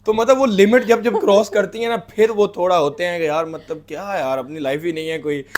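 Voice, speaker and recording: A man's voice: high-pitched, brisk, a little mellow. A man co-hosting a reaction video, chatting casually and arguing his side in an easygoing way. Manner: easygoing, argues his side with lots of agreeing fillers. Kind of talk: casual chat.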